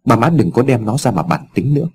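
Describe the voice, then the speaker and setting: A man's voice: mid-range voice, big pitch swings, fast talker, a little mellow, breathy edge. A man voicing a headstrong young son in a told story, speaking in a blunt, defiant way.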